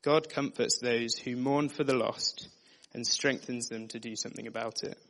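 A man giving a sermon, reading scripture passages and explaining them in an earnest, steady teaching manner. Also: mid-range voice, moderate pace. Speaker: preacher. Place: dim room.

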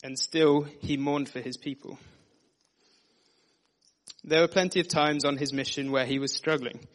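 A man giving a sermon, reading scripture passages and explaining them in an earnest, steady teaching manner. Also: a little high, unhurried. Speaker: preacher. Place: dim room.

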